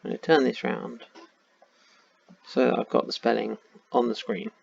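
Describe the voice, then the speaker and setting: A man's voice: medium pitch, flat delivery, moderate pace, gravelly, breathy edge, no echo. A man with a tired voice, thinking aloud in casual commentary while playing a map game. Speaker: game streamer. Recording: dull lo-fi sound.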